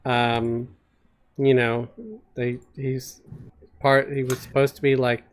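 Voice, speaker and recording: A man's voice: mid-range voice, little pitch movement, slow pace, a little hiss or hum. A man streaming an online role-playing game, chatting casually with his group and reading out viewer messages, with many hesitant fillers. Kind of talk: casual live-stream chat over voice chat.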